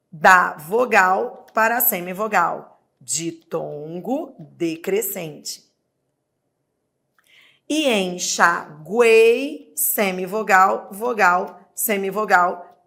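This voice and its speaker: A woman's voice: mid-range voice, very slow, creaky, a bit bright. A woman teacher with a Brazilian accent giving an exam prep lesson, sounding out words syllable by syllable. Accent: Brazilian Portuguese.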